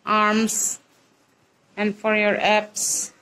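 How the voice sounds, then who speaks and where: Woman, casual home vlog, hesitant, slow, phone camera indoors. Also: medium pitch, monotone, pushed and bright, slight background noise, low-quality recording. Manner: hesitant, searching for words. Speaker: vlogger filming the assembly. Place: indoor living room at home.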